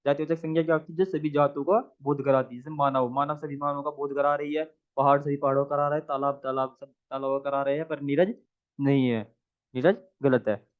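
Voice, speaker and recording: A man's voice: on the high side, fairly even intonation, fairly quick. Man repeating answers over a tinny line. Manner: repeats each question and answer several times; asks the viewer questions, then answers them. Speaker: Hindi exam tutor. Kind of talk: exam practice lesson. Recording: tinny phone-like audio.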